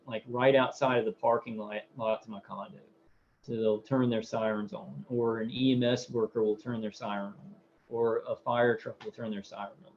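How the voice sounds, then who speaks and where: A man's voice: mid-range voice, a little hiss or hum. Rambling man on a lo-fi live stream. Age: 30s. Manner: rambling, repeats words, many fillers. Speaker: live stream host reading viewer comments. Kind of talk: casual live-stream chat. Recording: dull lo-fi audio.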